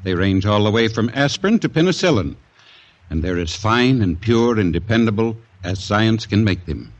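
A man giving an earnest, measured sponsor message in the style of a 1940s radio commercial, heard through an old radio broadcast. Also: on the low side, animated. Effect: old radio broadcast sound. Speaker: sponsor spokesman. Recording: dull lo-fi old radio recording.

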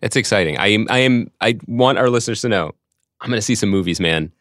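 A man's voice: fairly low pitch, fast, fairly bright tone, no echo. A man chatting casually as a podcast co-host. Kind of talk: casual chat.

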